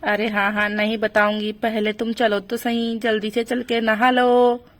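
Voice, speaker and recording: A woman's voice: fairly high pitch, level tone, a little slow. A woman telling a village doll story and voicing a fussing, scolding mother figure. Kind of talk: doll story narration with character voices.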